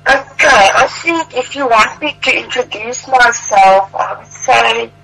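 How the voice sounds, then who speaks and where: Brief: female guest, bright tense tone, phoned-in radio interview, chatty and hesitant. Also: fairly high pitch, a little slow, gravelly, rough recording. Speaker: artist guest.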